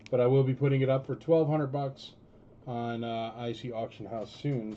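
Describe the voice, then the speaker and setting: A man's voice: medium pitch, mellow, highs cut off, slight background noise. A man working as an auctioneer on a live sale, talking in informal patter with emphatic calls. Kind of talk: auctioneer running a casual live collectibles sale.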